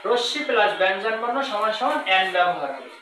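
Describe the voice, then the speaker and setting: Bright voice explaining grammar rules. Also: mid-range voice, very animated. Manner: repeats rules, reads example sentences slowly. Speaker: English teacher. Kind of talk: grammar lesson. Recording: roomy, distant mic with faint noise.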